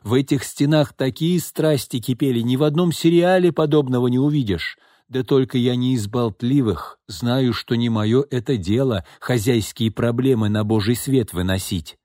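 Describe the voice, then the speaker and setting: A man's voice: mid-range voice, normal speed, few pauses, mellow, dry recording, studio quality, voice pushed up, natural voice. A man voicing an old female housekeeper who scolds in blunt, coarse, folksy speech.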